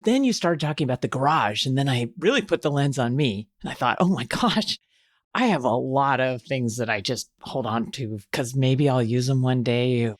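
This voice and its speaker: A man co-hosting a podcast in a medium-pitched voice. He asks curious questions and jumps in with quick follow-ups. The sound is dry and close, with no room echo. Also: expressive. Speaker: podcast co-host.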